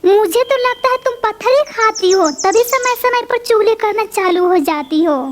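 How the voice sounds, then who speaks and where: A squeaky, very high cartoon parrot girl who snaps and bristles at everyone, voiced by a woman. She talks in a shrill, quarrelsome way. Faint hiss sits under the voice. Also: animated, a little slow. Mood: angry. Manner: shrill, snapping and vengeful. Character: quarrelsome hot-tempered female parrot. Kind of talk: cartoon voice acting.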